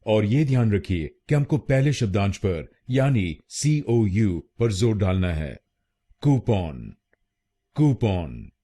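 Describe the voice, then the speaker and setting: A man gives a slow, careful pronunciation lesson, saying every syllable more than once. His voice is low and mellow with a husky edge. His pitch rises and falls widely as he stresses each part of the word. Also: expressive. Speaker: pronunciation tutor.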